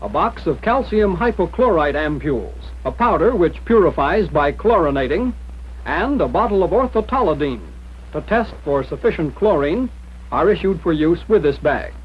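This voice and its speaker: An American man reading scripted instructions in the formal, measured manner of a 1940s military training film narrator. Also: a little high, animated, slightly rough. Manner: mid-century newsreel-style narrator, formal, measured instruction. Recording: dull, lo-fi 1940s film soundtrack.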